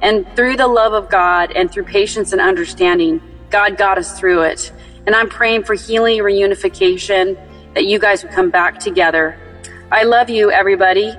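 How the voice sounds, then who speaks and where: A woman's voice: medium pitch, a bit bright, in a large hall, low-quality recording. A middle-aged woman caller giving informal spoken prayers and encouragement in an earnest, exhorting way. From Texas.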